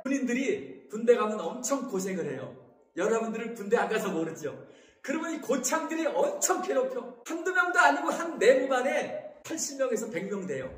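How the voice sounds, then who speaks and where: A male pastor preaching a sermon, emphatic and breaking into shouts, calling on the congregation for amens. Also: extremely high pitch. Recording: echoey hall reverb.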